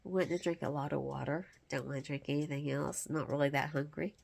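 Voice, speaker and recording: A woman's voice: low voice, fairly even intonation, a little fast, vocal fry, darkish tone, slight background noise. A middle-aged woman with a cold and a nasal, stuffy voice, explaining things casually and a bit tiredly to her camera at home. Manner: rambling, plainspoken, tired. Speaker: vlogger. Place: at home indoors.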